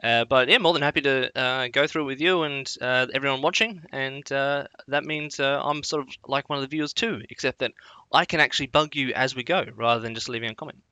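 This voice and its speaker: A man's voice: medium pitch, brisk, bright, forceful tone, smooth, no echo. A man co-hosting a casual let's play, talking in a rambling, chatty way. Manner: rambling, many fillers and restarts, chatty. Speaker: co-host. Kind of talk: casual gaming commentary.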